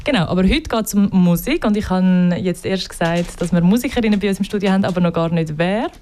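A chatty Swiss woman hosts a live radio show from a studio. Her voice is mellow and soft-edged, and she laughs easily between filler words. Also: fairly low pitch, fast. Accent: Swiss German.

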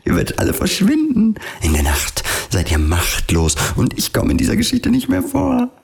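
A man voicing Alice, a defiant dramatic young woman in a storybook reading, declaiming in a pitched-up voice. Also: wildly swooping pitch, moderate pace, gravelly, a little mellow, exaggerated voice. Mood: exalted. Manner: declamatory, pitch pushed up high.

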